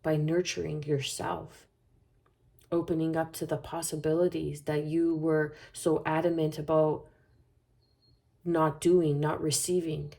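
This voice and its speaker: A woman's voice: low voice, level tone, unhurried, gravelly, mellow. A woman giving a spoken tarot reading in a flowing, soothing way, often checking in with "okay?". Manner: flowing, soothing, repetitive phrasing with frequent "okay?". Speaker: tarot reader.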